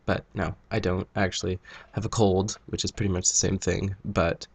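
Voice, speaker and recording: A man's voice: deep voice, flat delivery, moderate pace, vocal fry, breathy edge, no echo. A young man with a cold and a nasal voice, ranting sarcastically in a casual vlog. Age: young adult. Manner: sarcastic, jokey asides. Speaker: vlogger.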